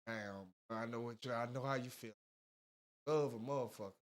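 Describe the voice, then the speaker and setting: A man's voice: mid-range voice, moderate pace. A man co-hosting a podcast, talking in a laid-back, profane, casual banter. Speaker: podcast co-host.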